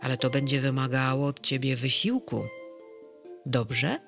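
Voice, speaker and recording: A gentle, solemn dream keeper speaks slowly and soothingly, as a reader puts him on. His gravelly, unhurried voice suits a bedtime storybook, with faint music in the background. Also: medium pitch. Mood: calm. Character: calm, kindly male night worker of dreams. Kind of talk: children's storybook reading.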